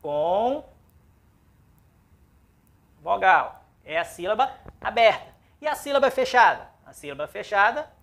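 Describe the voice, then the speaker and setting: A woman's voice: mid-range voice, big pitch swings, normal speed, vocal fry, fairly bright tone. A woman with a Brazilian Portuguese accent teaching a Biblical Hebrew class, spelling out syllables and repeating words aloud for practice. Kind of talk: classroom lesson.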